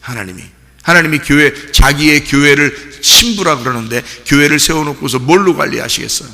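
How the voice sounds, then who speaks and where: A man preaches a sermon with a lively, swinging delivery, putting question after question to his congregation and now and then raising his voice to a shout. His voice is somewhat high, with a gravelly edge, and it rings out in a long reverberant hall. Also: fairly quick. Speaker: pastor. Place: church sanctuary.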